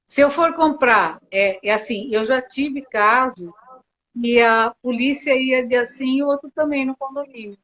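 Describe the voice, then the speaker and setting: Higher-pitched Brazilian woman explaining earnestly. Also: a little slow, fairly bright tone, low-quality recording. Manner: earnest, with frequent hesitant restarts. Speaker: mediator and guest. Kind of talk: explanatory interview answers.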